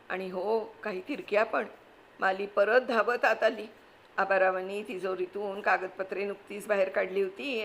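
A woman narrating a story aloud in a steady, expressive reading voice. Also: medium pitch, gravelly, a little hiss or hum.

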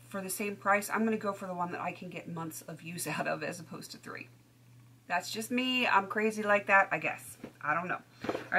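Bright-voiced woman reviewing beauty empties. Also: lowish voice, husky. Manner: chatty, self-deprecating, trails into soft asides. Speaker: beauty vlogger. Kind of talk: casual product review chat.

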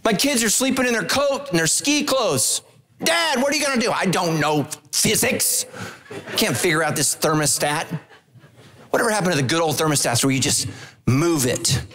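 A middle-aged man preaches from a large church stage into a handheld microphone. His voice sits fairly high, and he tells stories with humorous asides, his pitch climbing and dropping as he goes. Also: normal speed, a little hiss or hum. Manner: animated storytelling with humorous asides, pitch swinging widely. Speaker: pastor. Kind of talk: sermon.

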